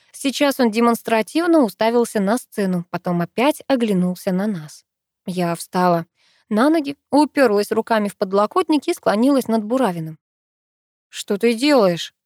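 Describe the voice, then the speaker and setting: A woman reading a first-person audiobook in a lively, expressive way. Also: mid-range voice, normal speed, dry recording, studio quality. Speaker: audiobook narrator.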